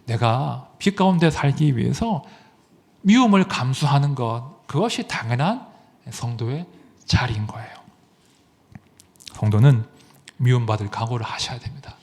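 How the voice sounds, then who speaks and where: A male pastor preaching a sermon, telling a story with lively rises and drops and asking the congregation questions. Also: medium pitch, normal speed, pauses often, breathy edge.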